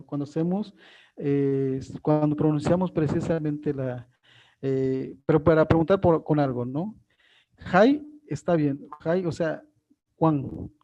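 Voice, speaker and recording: A male teacher explains a live online class, pausing often with fillers and restarts. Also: on the high side, warm tone, muffled recording.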